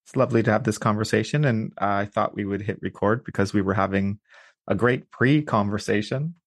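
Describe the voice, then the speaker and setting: A man's voice: on the low side, brisk. A man hosting a podcast interview, upbeat and introducing his guest with flourish. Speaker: podcast host.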